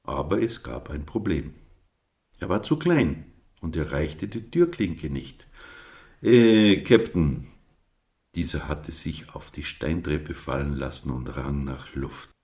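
A man narrating a children's story in a calm, measured storybook reading. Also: very deep voice.

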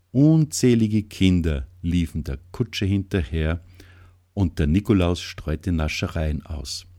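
A man narrating a children's storybook in a calm, gentle way. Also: low-pitched.

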